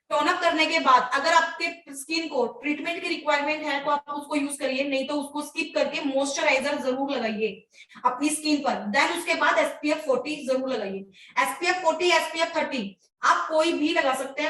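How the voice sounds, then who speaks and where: A woman's voice: high-pitched, fairly bright tone. A woman giving an informal skin care tutorial, full of fillers and restarts. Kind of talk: casual spoken tutorial. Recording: echoey room, voice from a distance.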